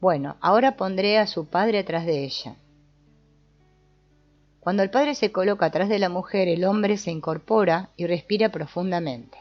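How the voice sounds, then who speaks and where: A woman giving a calm, measured scripted narration. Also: fairly low pitch. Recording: dull lo-fi voice-over with soft guitar music.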